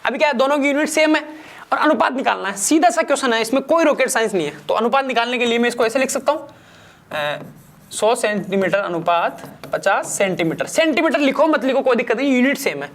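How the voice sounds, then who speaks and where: A man's voice: very high-pitched, expressive, quick pace, a bit bright. A man coaching exam candidates, walking through math questions step by step, asking and answering his own questions in a casual, repetitive classroom manner. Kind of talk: step-by-step math problem walkthrough.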